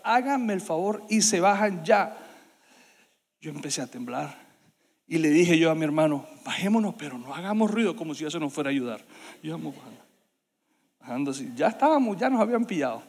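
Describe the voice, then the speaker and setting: A man with a high voice tells a story from the pulpit, animated and full of sound effects. His voice rings out in a church hall with a long reverb. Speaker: preacher. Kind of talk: sermon storytelling.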